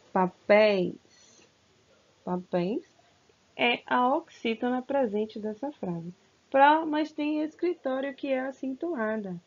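A woman teaching a recorded grammar lesson to children, stretching out words and coaxing them with questions. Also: on the high side. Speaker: school teacher. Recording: slightly dull, lo-fi sound.

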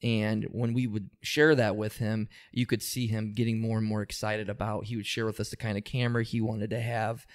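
A man's voice: on the low side, little pitch movement, fairly quick, few pauses. A man who works as an employment supervisor, explaining things steadily in an interview with frequent ums and small restarts. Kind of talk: interview answers.

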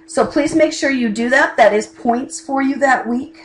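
A woman's voice: high-pitched, moderate pace, low-quality recording. Middle-aged lady teacher walking students thru a lesson, chatty, some asides, faint hiss and clicks. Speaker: college instructor. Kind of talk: recorded class lesson. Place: home desk with keyboard and lamp. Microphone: camera over the desk.

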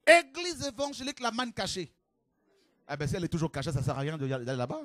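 A man preaching a fiery sermon to a congregation, with shouted exclamations and rhetorical questions. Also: a little high, very animated, very fast.

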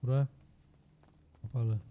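A hoarse man livestreaming a game, commenting loudly with jokes and heavy swearing. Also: medium pitch, steady tone, slow, muffled recording. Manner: loud, joking and heavily profane. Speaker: streamer. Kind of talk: casual gaming livestream commentary.

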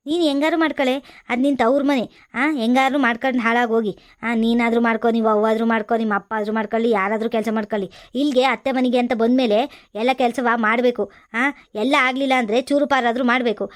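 A woman playing a sharp-tongued older village mother-in-law who scolds and nags with sarcasm, in a comedy skit. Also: on the high side, fairly even intonation, fast, lightly acted. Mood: scolding.

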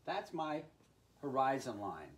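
An older man in his sixties with a mid-pitched voice teaches drawing in an informal, playful way. He talks like a folksy art teacher addressing kids, tossing in sound effects as he works. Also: sing-song, slow pace. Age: 60s. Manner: playful, folksy, with sound words like boom and bing-bang. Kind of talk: informal instructional talk while drawing. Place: indoor room with art on the wall.

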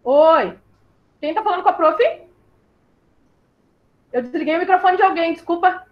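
Her voice is very high-pitched, and the audio sounds dull. She's a primary school teacher from southern Brazil, patiently guiding young children through syllables in an online class, spelling them out slowly and addressing pupils as "my love."

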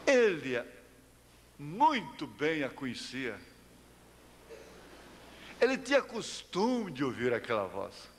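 An older Brazilian man preaching a sermon in a church hall, slow and deliberate, rising to impassioned exclamations. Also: a little high, wildly swooping pitch. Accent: Brazilian Portuguese. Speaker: pastor. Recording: reverberant church hall recording with faint noise.

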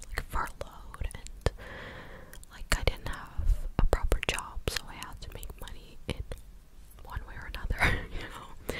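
A woman in her twenties chatting casually in a breathy, close-up ASMR whisper, right up at the microphone as if into the listener's ear. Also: rough recording. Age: 20s. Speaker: ASMR content creator. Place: living room indoors. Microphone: large USB microphone very close to the mouth.

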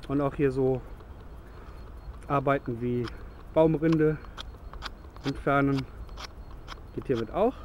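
A man in his thirties rambles cheerfully through a gear demo in the woods as dusk falls, correcting himself along the way. His voice sits somewhat high. He is close to a handheld camera, with faint outdoor noise behind him. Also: a little mellow. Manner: chatty, rambling, self-correcting. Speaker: bushcraft vlogger.

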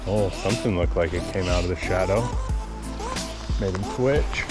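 Excitable man fly fishing a river. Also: deep voice, normal speed, loud music behind the voice. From United States. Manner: excitable, exclaims at every strike, talks to the fish. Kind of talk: casual self-filmed commentary. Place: outdoors on a forest river. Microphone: action camera worn on the body.

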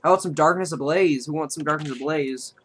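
A man's voice: fairly high pitch, quick pace, slight background noise. Man thinking aloud over a card game. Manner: thinks aloud, counts damage out loud. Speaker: streamer. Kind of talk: live gameplay commentary.

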